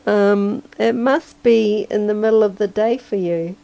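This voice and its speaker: Tired hoarse lady rambling on a drawing stream, gravelly, kinda slow. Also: medium pitch, dark tone, lo-fi sound. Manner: rambling, chuckles often. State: hoarse, losing her voice; sleepy. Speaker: livestreaming digital artist. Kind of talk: casual livestream chat while drawing.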